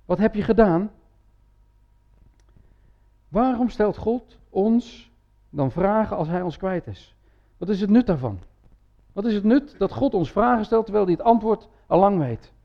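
High-voiced man preaching a sermon. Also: expressive, moderate pace, gravelly, dull audio. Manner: conversational, with frequent tag words and restarts. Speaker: pastor. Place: church.

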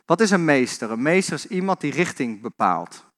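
A man with a somewhat high voice leads an informal sermon in a church hall. He speaks conversationally to the congregation, often repeating words and restarting his sentences. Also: sing-song, normal speed, fairly bright tone. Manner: conversational, addresses congregation directly, many repetitions and restarts. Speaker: preacher.

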